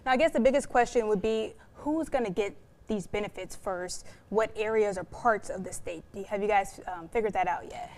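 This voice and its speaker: A woman's voice: mid-range voice, fairly quick, a little mellow. A woman speaking as a morning show host, putting questions to guests in a broadcast interview.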